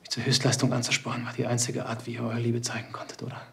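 An actor playing a resentful grown son who is a doctor, restrained and bitter, in a naturalistic TV drama. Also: male voice, mid-range voice, completely flat delivery, quick pace, creaky, noisy background, lightly acted.

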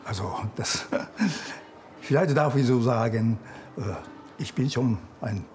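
A man in his sixties with a Japanese accent, a native Japanese speaker, answering interview questions slowly and thoughtfully, with soft laughs. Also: mid-range voice, faint music behind. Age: 60s.

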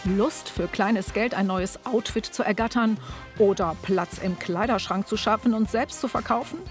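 Woman rattling off weekend event tips, soft music under her. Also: medium pitch, normal speed. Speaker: news presenter. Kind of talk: reading event listings.

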